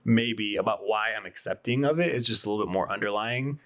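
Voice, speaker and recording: A man's voice: on the low side, a little fast, a bit bright. A man, a coffee shop co-owner, talking casually as a podcast guest and working through his reasoning with fillers.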